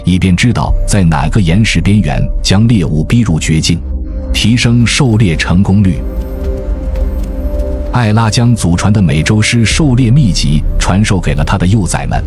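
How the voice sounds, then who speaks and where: A man reading a scripted nature documentary narration in a measured, storytelling way, as the narrator. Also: deep voice, animated. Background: music.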